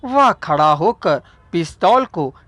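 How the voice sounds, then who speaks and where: A man narrating a short story in a measured, deliberate audiobook style, recorded close on a studio mic. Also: on the high side, animated, fairly bright tone, no echo.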